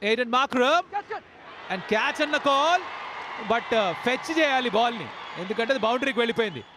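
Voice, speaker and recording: High-pitched man in excited cricket commentary. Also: crowd noise, noisy background. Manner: exclamatory, drawn-out English catchphrases mixed into Telugu.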